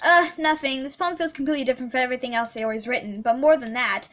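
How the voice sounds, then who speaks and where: A woman's voice: high voice, steady tone, rapid-fire, a bit bright. A woman playing a horror game on her channel, reading the story aloud in a scared, stammering voice with nervous laughs. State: scared, heart racing. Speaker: gaming channel host. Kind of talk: let's play, reading a visual novel aloud.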